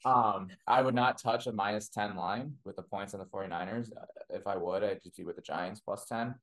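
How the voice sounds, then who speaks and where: A man's voice: lowish voice, a little fast, fairly bright tone. A man co-hosting a sports betting podcast, talking in a laid-back, casual way with many fillers. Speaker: podcast co-host.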